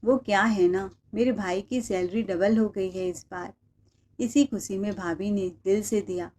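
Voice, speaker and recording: Woman voicing a calm, gentle young wife. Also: mid-range voice, unhurried, close to an everyday voice.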